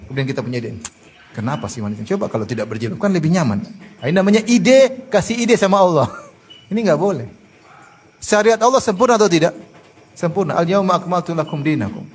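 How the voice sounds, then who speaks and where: A man preaching a sermon, reciting Arabic verses and mocking the views he argues against in an animated way. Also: on the high side. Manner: animated, mocking imitations of opponents.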